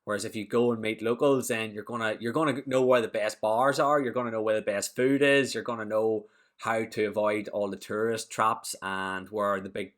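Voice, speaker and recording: A young Irish man chatting easily as a podcast guest, relaxed and quick to laugh. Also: lowish voice. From Ireland. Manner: relaxed, easygoing, laughs often. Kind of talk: casual interview chat.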